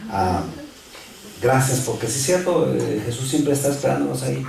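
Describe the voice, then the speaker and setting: A man leads a church service, introducing speakers and reflecting on scripture in an informal, encouraging way. His voice is gravelly. He is picked up from a distance in a very echoey church, with the congregation clearly audible. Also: medium pitch, normal speed, a crowd in the background. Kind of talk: church sermon.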